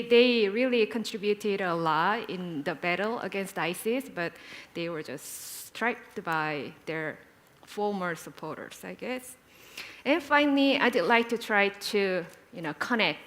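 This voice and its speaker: A woman's voice: medium pitch, a bit bright. A woman in her forties giving a conference panel talk, hesitant and chatty, with many fillers and asides. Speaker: panel moderator and speaker. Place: conference hall.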